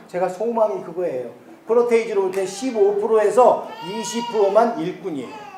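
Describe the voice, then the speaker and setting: A pastor in his fifties, from the Chungcheong region, gives a light, humorous retreat sermon and keeps asking his listeners questions. His voice sits high for a man. The recording rings with the echo of a church hall, and a faint hiss sits underneath. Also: a little mellow. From South Korea, Chungcheong region. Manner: folksy, humorous, asks the congregation questions.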